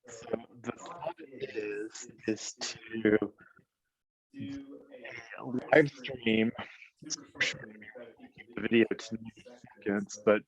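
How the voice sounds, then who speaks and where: A man's voice: fairly low pitch, extremely slow, pauses often. A man on a work video call, speaking hesitantly with fillers. His audio comes through muffled and underwater-sounding from wireless earbuds. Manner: hesitant, thinking out loud with fillers. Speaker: team member pitching an idea.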